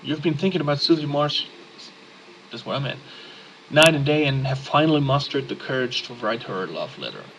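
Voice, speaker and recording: A man's voice: medium pitch, animated, brisk, fairly bright tone, a little hiss or hum, rough recording. A man playing a text-based game, reading its text aloud and adding casual muttered asides. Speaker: let's play gamer.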